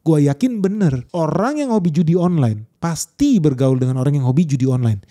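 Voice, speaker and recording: A man's voice: fairly high pitch, lively intonation, fairly quick, dark tone. A man giving money advice in a blunt, brash, slangy monologue. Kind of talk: casual monologue.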